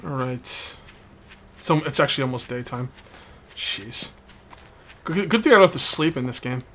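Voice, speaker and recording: A man speaks at normal speed in a medium-pitched voice that is pushed and bright, with lively intonation. He hosts a video game let's play series, chatting casually and rambling, repeating himself, and talking with a bitten, sore tongue. There's background noise from game ambience behind him.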